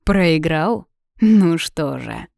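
A woman's voice: deep voice, expressive, very slow, gravelly, a little mellow, dry recording, studio quality, exaggerated voice. A woman voicing a proud young male villain prince who taunts his brother, in a storybook reading. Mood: bitter. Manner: smug and taunting.

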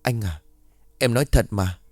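A man's voice: fairly low pitch, normal speed, darkish tone, no echo, studio quality, lightly acted. A man voicing a grieving middle-aged mother who speaks in a pleading, shaken way. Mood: anxious.

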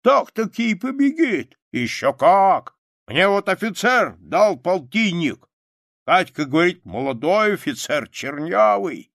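Old soldier bragging loudly, as a male reader puts him on, high strained voice, lively swings, dry close sound, audiobook. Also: a little slow, no room sound, exaggerated voice. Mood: boastful. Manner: loud, hoarse-edged, boastful shouting. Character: old boastful war-veteran soldier, dying beggar. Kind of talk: audiobook character reading.

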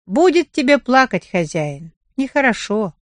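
A woman voicing a loyal, gentle male dog in a storybook reading, speaking softly and kindly. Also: on the high side, sing-song, unhurried, no echo, pitched above the performer's own voice. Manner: soft, kindly, consoling.

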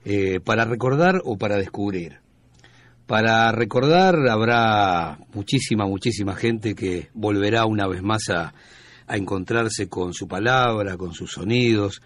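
A male radio host speaks in a relaxed manner with small restarts. His voice sits a bit low. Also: measured pace. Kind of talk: radio presenting.

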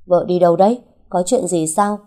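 A woman's voice: on the low side, brisk, dark tone, lightly acted. A woman voicing a sick young husband who coaxes and pleads with his wife. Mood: pleading. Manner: pleading, coaxing.

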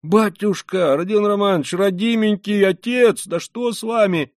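A man's voice: mid-range voice, very animated, normal speed, darkish tone, no echo, studio quality, pitched above the performer's own voice. A man reading an audiobook, voicing a fussy, cunning middle-aged male investigator who talks in an ingratiating, sly way. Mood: alarmed. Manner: ingratiating, sly, with old-fashioned deferential endings.

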